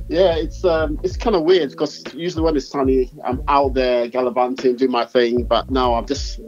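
A man's voice: mid-range voice, fairly even intonation, moderate pace, darkish tone, soft background music. Middle-aged London man, guest, meandering storyteller, slightly muffled call audio. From UK and Ghana. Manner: rambling, self-correcting storyteller. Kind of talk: casual interview chat.

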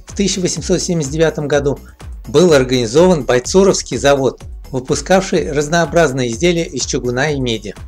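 A man narrating a scripted documentary voice-over in a steady, even read. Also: on the high side.

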